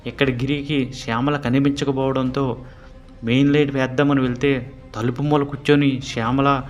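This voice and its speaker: A man narrating a horror story in a steady storytelling manner. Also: medium pitch, normal speed, dull audio.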